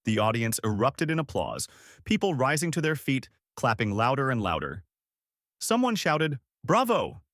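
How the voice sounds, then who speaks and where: A man's voice: medium pitch, big pitch swings, normal speed, a bit bright, dry recording, studio quality. A man reading a dramatic scripted story as its narrator.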